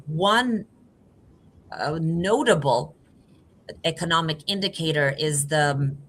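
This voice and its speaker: Deep-voiced woman speaking on a panel. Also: fairly bright tone. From Croatia. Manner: measured, deliberate, with frequent fillers. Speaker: business association executive. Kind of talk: panel discussion.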